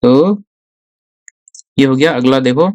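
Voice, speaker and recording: A man teaching an exam vocabulary lesson online, who asks his own questions, answers them and repeats key words slowly, in Hindi mixed with English spoken with an Indian accent. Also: medium pitch, darkish tone, no echo.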